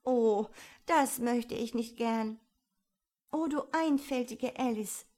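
A woman voicing the young girl Alice, talking to herself in a lively, wondering way. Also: mid-range voice, moderate pace. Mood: wistful. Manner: lively, wondering self-talk.

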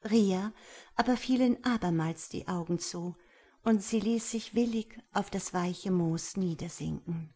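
A woman narrating a story in a measured, even reading style. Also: mid-range voice, husky.

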